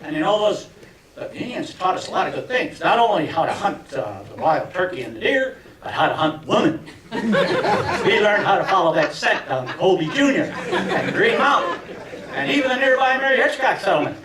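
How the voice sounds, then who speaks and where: A man in his seventies doing a stand-up routine for fellow alumni, telling tongue-in-cheek stories with deadpan punchlines. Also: sits high, normal speed, far from the mic. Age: 70s. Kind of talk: stand-up comedy. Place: reunion event hall with audience. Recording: echoey room miked from afar, crowd laughter.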